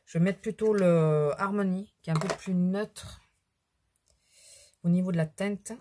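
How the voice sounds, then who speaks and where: At home at her mirror, a middle-aged beauty vlogger with a cold chats casually, rambling through her makeup routine with self-deprecating asides. Her voice is on the low side with fairly even intonation, and she speaks unhurriedly over some background noise.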